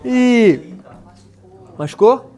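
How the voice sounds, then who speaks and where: Brazilian male pastor, live sermon in church, chatty and animated storyteller. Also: very high-pitched, drawn-out words. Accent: Brazilian Portuguese. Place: church before a congregation.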